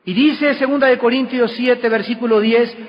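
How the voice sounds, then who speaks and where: A man preaching a sermon, emphatic, with sudden rises and slow drawn-out words. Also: extremely high pitch, fairly even intonation. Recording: dull lo-fi recording with long hall reverb.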